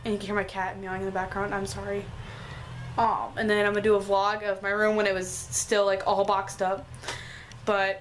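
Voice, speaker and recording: A teenage girl, hoarse from a cold, chatting apologetically with lots of fillers as she films a tour of her bedroom. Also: medium pitch, a little hiss or hum, rough recording. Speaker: vlogger. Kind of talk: casual room tour vlog. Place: bedroom at home.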